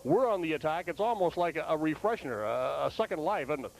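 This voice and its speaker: A man working as a play-by-play broadcaster, giving live halftime football commentary in a measured, conversational, pausing way. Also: on the high side, lively intonation, vocal fry.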